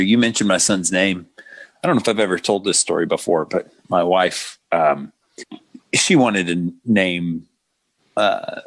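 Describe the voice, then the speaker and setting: A man's voice: low-pitched, dry recording. A man co-hosting a podcast in casual chat, making playful, joking asides. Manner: jokey, quick asides, playful. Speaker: podcast co-host.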